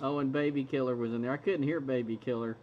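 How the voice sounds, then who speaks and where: A man's voice: medium pitch, fairly even intonation, quick pace. A man hosting a radio hobby stream, chatting casually and laughing often between stories. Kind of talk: casual chat. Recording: muffled lo-fi recording, faint hiss.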